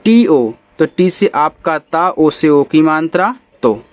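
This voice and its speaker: A man teaching English spelling, slowly sounding out each letter and then the whole word. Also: on the high side, lively intonation, no echo. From India. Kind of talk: spelling lesson, reading words letter by letter.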